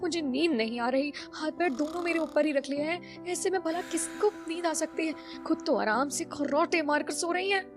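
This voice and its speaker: A woman voicing a young daughter-in-law in a cartoon story, who mutters complaints to herself in a high voice. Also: normal speed, hardly any pauses, over music, close to an everyday voice. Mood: grumbling. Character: young daughter-in-law, sleepy and quietly grumbling.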